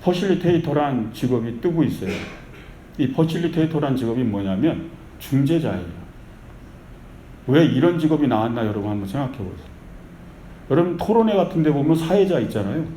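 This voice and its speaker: A male pastor gives an animated sermon that blends preaching with storytelling and repeated calls of faith. His medium-pitched voice is mellow and dark and a little fast, echoing through a church sanctuary with a faint hiss behind it.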